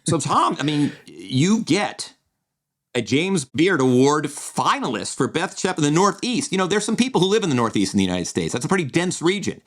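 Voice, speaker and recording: This man's voice sits on the high side, sing-song and at a normal speed. Co-hosting a podcast, he talks loosely through a draft analysis, full of fillers, restarts and rambling.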